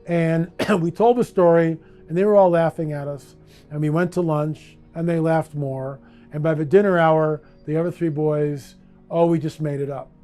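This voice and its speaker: A man being interviewed, telling a personal story in a vivid, animated way. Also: fairly high pitch, normal speed. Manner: vivid, acts out the voices in his story. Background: faint music.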